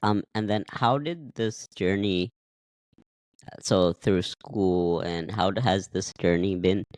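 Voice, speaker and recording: Guy from nepal hosting a podcast, lowish voice, laughs a lot, dry sound. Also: slow, a little mellow, dry recording. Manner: friendly, laughs often, hesitant phrasing. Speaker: podcast host. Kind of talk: casual interview conversation.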